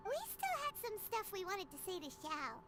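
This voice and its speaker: A woman voicing a tiny, childlike, cheeky fairy companion in a video game, with a squeaky, perky delivery. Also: wildly swooping pitch, moderate pace, background noise, full character voice. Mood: cheerful. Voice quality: squeaky, piercing. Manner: speaks of herself in third person, perky.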